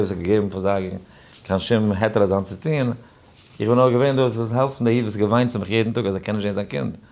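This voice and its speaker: A man who is a rabbi giving an informal Torah lesson, weaving in a personal story, animated and shifting between quiet asides and emphatic points. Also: fairly low pitch, vocal fry. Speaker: rabbi teaching a daily Torah class.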